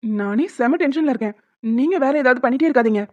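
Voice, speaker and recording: A woman with a high-sitting voice does cartoon voice acting as a worried young husband and father, pleading earnestly and fretfully. She talks fast in a natural voice, on a dull, lo-fi, dry recording without echo.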